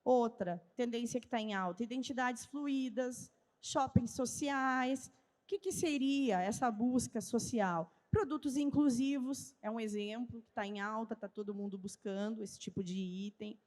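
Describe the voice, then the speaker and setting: A fairly high, darkish female voice, a little slow, carries a southern Brazilian gaúcho accent. She is a trade-fair speaker giving an instructive talk, asking and answering her own questions. The live audience and large event hall produce a long reverb on the recording.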